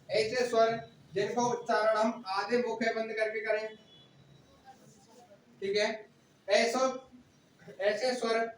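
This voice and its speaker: High-voiced teacher in an echoey classroom. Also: male voice. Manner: drills students with repeated questions and answers. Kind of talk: classroom lecture. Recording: echoey room, distant mic, faint noise.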